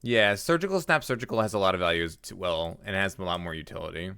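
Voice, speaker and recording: A man's voice: deep voice, quick pace, sharp tone, clear, resonant tone, no room sound, clean studio sound. A man livestreaming, chatting through a headset mic as he plays and reacts aloud to his game and his chat. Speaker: livestreamer and card game player. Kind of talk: live gameplay commentary.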